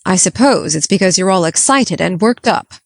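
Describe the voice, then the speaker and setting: A woman's voice: mid-range voice, lively intonation, brisk, no echo, natural voice. A woman putting on a stern, dry-voiced spinster. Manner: clipped, disapproving and no-nonsense. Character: stern, strict middle-aged spinster woman. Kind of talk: audiobook character voice.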